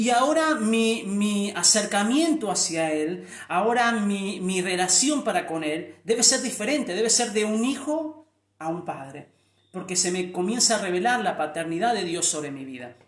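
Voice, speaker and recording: A middle-aged man preaches a sermon earnestly, often repeating words and restarting before raising his voice on key phrases. His voice sits high with a fairly bright tone, and the sound is roomy.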